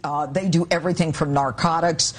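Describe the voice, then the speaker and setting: Husky, firm woman prosecutor. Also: low-pitched, fairly even intonation. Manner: firm, measured, legal phrasing. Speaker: prosecutor interviewed as a guest. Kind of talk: news interview.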